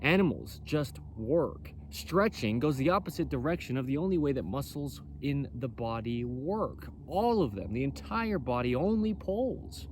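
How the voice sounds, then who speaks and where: This clothing-company presenter explains body mechanics off the cuff, his medium-pitched voice loud and carrying, with big pitch swings. At a moderate pace and barely pausing, he stays bold and emphatic and keeps repeating himself over some background noise.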